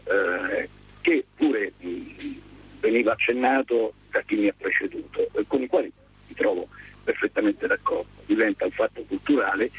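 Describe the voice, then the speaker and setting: Man on car speakerphone, husky phone line. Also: on the low side. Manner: polite, practical, measured explanations. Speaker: guest electrician. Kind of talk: radio phone-in conversation. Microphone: car hands-free speakerphone.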